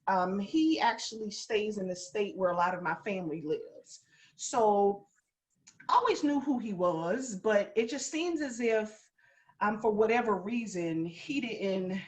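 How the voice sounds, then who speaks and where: A woman hosts a discussion panel, guiding her guests in turn in a steady, even way. Her voice sits at a middle pitch for a woman. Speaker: podcast host.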